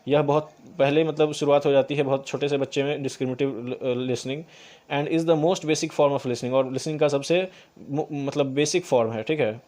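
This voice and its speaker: A man from India, teaching an exam-prep lesson. He reads English definitions slowly and explains them in Hindi, with many fillers and restarts. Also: medium pitch, fairly even intonation, a little mellow. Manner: many fillers, repeats words.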